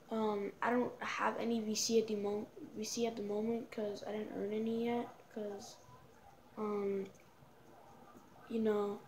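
A woman's voice: fairly high pitch, mellow, a little hiss or hum. A woman giving casual let's-play commentary, rambling with lots of fillers in an easygoing way. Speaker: gamer.

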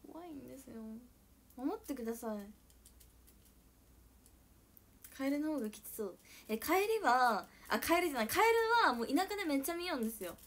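A young woman from Okayama with an Okayama accent, chatting casually on a live stream and reading out comments, swinging between squealing shouts, giggles and soft whispers. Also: high-pitched, lively intonation, fast. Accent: Okayama Japanese. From Okayama, Japan.

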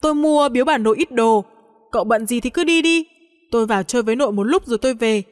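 A woman's voice: fairly high pitch, big-room sound, lightly acted. Woman doing a pushy young guy. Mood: insistent. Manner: insistent, quick teasing talk. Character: young man, pushy, cheerful friend.

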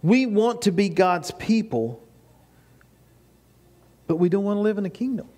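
An older pastor preaches in a small church, his voice high for a man yet dark in tone and a little slow. He drives his points home with rising emphatic bursts and repeated phrases, captured by a camera at the back of the sanctuary with no mic seen.

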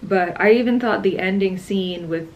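A woman's voice: medium pitch, normal speed, dull audio, slight background noise. A young woman in her twenties chatting casually on a travel vlog, tired and a little playful, trailing off into laughs. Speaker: travel vlogger. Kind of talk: casual chat.

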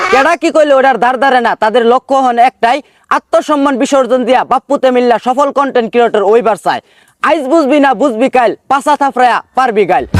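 A man performs a mock-solemn parody news anchor with a very high voice and a rural Bangladeshi accent. The delivery is theatrical, rhyming comedy bulletin, recorded close and dry. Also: no room sound. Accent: Bangladeshi rural colloquial. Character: bombastic male parody news anchor of a village comedy channel.

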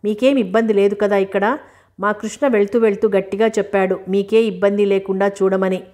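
Storybook schemer: middle-aged man, smug and teasing, read by a woman in a flat mid voice. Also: medium pitch, a little fast, lightly acted. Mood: friendly. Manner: teasing, self-assured.

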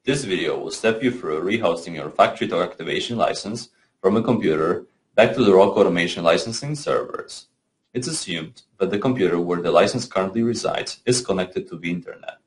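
A man narrating a scripted software tutorial, giving clear step-by-step instructions with the odd small slip. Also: low-pitched.

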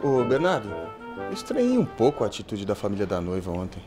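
Brisk, easygoing young Brazilian man. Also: on the low side, wildly swooping pitch, over music. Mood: relaxed, curious. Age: young adult. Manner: casual, conversational. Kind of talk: telenovela acting. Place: indoor café set.

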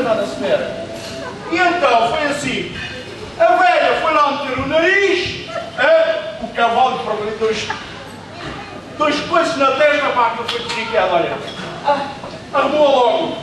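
A man's voice: very high-pitched, fairly quick. An actor playing a boastful, greedy man in a live stage comedy sketch, rambling on. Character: boastful greedy middle-aged man, chatty glutton. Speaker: comic actor. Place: large community hall stage. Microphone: stand mic on stage, recorded by far camera. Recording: echoey hall, far mic, noisy.

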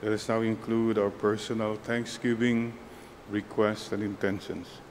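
A man serving as priest, leading the Mass in a measured, solemn prayer cadence at a pulpit microphone. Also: on the low side, flat delivery, darkish tone, slight background noise. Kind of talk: leading liturgical prayer and exhortation.

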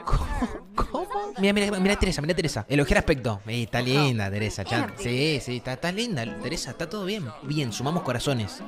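A man with an Argentine accent, joking and teasing as he commentates a life-simulation game on a stream. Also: a little high. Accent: Argentine Rioplatense Spanish. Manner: playful and teasing, with animated swings in tone. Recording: game music playing behind the voice.

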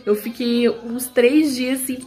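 A young adult woman talking somberly to her viewers in a personal, confessional vlog, halting often and turning to them with frequent asides. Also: on the high side, fairly even intonation, warm tone, soft background music. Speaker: vlogger.

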